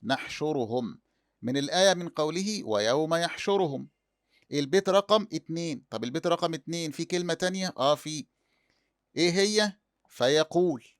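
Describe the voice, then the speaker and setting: A man with an Egyptian accent explains a lesson, asking questions aloud and answering them himself. His voice sits a little high. The sound is dry and close to the mic. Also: expressive, brisk, no echo. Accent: Egyptian Arabic. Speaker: teacher.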